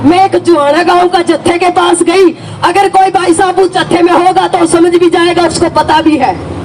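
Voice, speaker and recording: High-voiced Haryanvi woman, impassioned. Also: steady tone, normal speed, a crowd in the background, noisy background. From Haryana, India. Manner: emphatic, rises to shouting when retelling. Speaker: farmer protest supporter. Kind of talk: impassioned first-person account.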